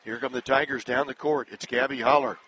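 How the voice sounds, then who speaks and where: A male play-by-play announcer calls a basketball game at a brisk clip, his pitch jumping up and his voice getting louder on every drive and shot. His voice is mid-range. Loud noise hangs under the broadcast. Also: steady tone, poor audio. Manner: brisk, rising sharply in pitch and volume on big plays. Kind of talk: live high school basketball play-by-play.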